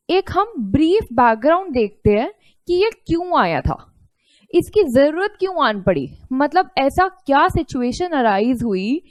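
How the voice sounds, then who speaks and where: A woman with a high, light voice teaches at an unhurried pace. She explains step by step and keeps asking and answering her own questions. The sound is close and dry, with no room around it. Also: no echo. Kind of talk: online lecture.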